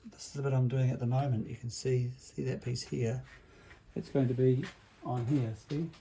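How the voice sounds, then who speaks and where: A man presents a workshop vlog to children in the role of a builder, keeping it bright like a kids' party host, explaining simply and tossing in tag questions. He speaks at normal speed in a medium, steady, gravelly voice, with slight noise behind him.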